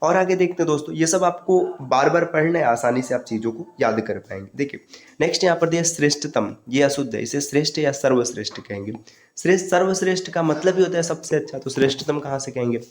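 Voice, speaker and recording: A male teacher giving an online exam-prep lesson, steadily drilling correct and incorrect word forms and addressing students as friends. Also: a little high.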